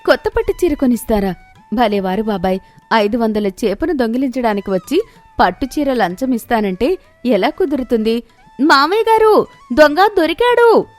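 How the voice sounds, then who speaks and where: A woman's voice: on the high side, lively intonation, normal speed, darkish tone, soft background music, close to an everyday voice. A woman voicing a young daughter-in-law who shrieks for help and teases the thief. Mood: teasing. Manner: shrieking, teasing.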